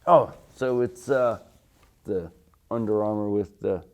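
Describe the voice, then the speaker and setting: A middle-aged American man who served in the army answers oral history questions in a low, relaxed voice. He remembers haltingly and stays deferentially polite throughout.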